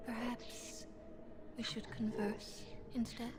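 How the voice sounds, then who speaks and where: An actress playing a scheming female demon in a video game, her slow, half-whispered lines sounding layered and demonic. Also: on the high side, flat delivery. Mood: coaxing, menacing. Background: game music.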